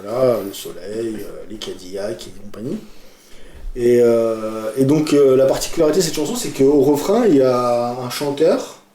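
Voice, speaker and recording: A man's voice: medium pitch, normal speed, warm tone. Hesitant man chatting in an echoey room. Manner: hesitant, many fillers, enthusiastic. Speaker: podcast co-host presenting a song. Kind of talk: casual chat.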